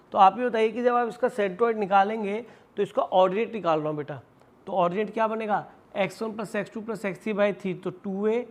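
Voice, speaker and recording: A man teaching maths in a classroom lecture, explaining step by step, asking and answering his own questions, and calling students "beta" as he mixes English math terms into his talk with an Indian accent. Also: sits high. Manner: addresses students affectionately as "beta"; switches between Hindi and English math terms.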